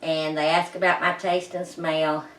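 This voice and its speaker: A woman's voice: deep voice, little pitch movement, fairly bright tone. Lady vlogging thru a face mask, muffled n winded, folksy, echoey room, bit far from mic. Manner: folksy, plain-spoken, halting. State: out of breath, pausing. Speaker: vlog host. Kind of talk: casual personal vlog. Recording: roomy echo, distant microphone.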